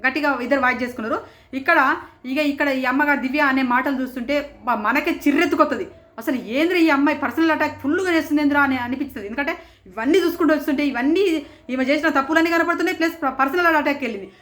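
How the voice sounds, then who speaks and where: Fast, high-voiced indignant woman. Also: a bit bright. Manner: indignant, repeats phrases for emphasis. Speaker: show reviewer. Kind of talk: casual opinionated commentary.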